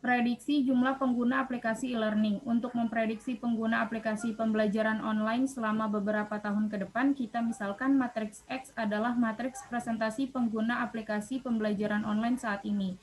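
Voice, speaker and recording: A woman's voice: a little high, flat delivery, a little fast, few pauses, low-quality recording. A young woman, a student presenter, reading worked probability examples aloud, hesitant with fillers and self-corrections.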